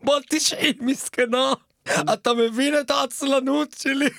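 A man playing a lazy grown man who calls a radio show to confess his sins, rambling in a whiny, creaky voice. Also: steady tone, a bit bright, no echo, clean studio sound, heavily acted. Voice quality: high-pitched and creaky. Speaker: radio caller. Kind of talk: comic radio sketch.

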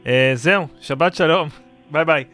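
Bright-voiced male radio host. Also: a little high, soft background music. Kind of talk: radio interview.

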